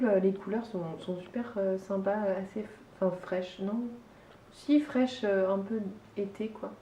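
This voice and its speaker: A woman's voice: mid-range voice, dark tone, a little hiss or hum. A woman with a French accent chatting casually about her knitting and hand-spun yarn, with lots of hesitations and restarts. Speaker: knitting vlogger. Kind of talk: casual chat. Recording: dull, echoey room from far off.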